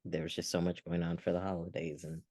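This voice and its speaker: A man with a very low, dark voice shares a personal story on a podcast. He talks in an earnest, reflective way, often restarting his sentences. The sound is close and dry. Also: completely flat delivery, fast, no room sound. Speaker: podcast co-host. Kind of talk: casual podcast chat.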